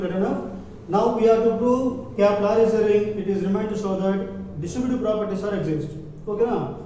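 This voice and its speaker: A man with a Telugu South Indian accent teaches mathematics step by step, dictating and deliberately repeating phrases. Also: high voice, dark tone. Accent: Indian, Telugu-speaking south. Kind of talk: classroom lecture, step-by-step proof. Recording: muffled, very echoey, distant, noisy room.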